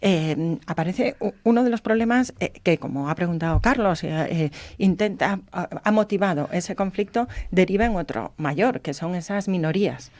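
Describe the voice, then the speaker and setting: A man from La Palma in the Canary Islands, hosting a history talk show, speaking in a measured, hesitant way with many fillers. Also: sits high, expressive, a little mellow, dry recording. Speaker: show host.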